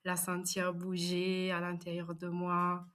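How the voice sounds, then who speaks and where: A young Italian woman, whose first language is Italian, speaks French as a podcast guest, telling her story with many hesitations in a personal interview. Her voice is on the low side, monotone and slow, with a fairly bright tone.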